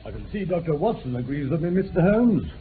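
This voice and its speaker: Complacent police inspector, smug, radio drama, phone-like band-limited sound. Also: male voice, a little high, big pitch swings, a little fast. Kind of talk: 1960s British radio drama acting. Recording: tinny, band-limited old radio recording with hiss.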